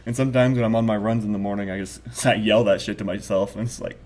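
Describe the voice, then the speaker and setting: Speaking quickly in a fairly low voice over crowd noise, this man co-hosts a podcast. His casual stories come out loose, profane and rambling, full of excitement and frequent laughter.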